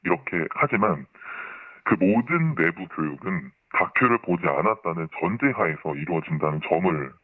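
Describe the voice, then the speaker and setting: A pitched-down, digitally disguised deep voice belongs to an anonymous man, formerly part of a religious group, testifying in a radio news interview. Polite, formal and explanatory, he sounds animated and speaks at normal speed. Expect muffled, band-limited sound and a roomy echo.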